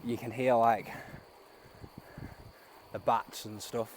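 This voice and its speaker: Riding his bike at night, a man vlogs in a medium-pitched, flat voice, taking it slowly and rambling with plenty of fillers. The casual narration is captured on a phone outdoors, with wind noise throughout.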